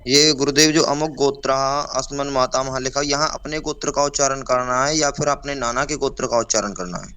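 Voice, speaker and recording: A man's voice: medium pitch, fairly even intonation, a little fast, few pauses, bright, forceful tone. A man, a student in an online class, respectfully asking his teacher a question. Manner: respectful, addresses the teacher as guru.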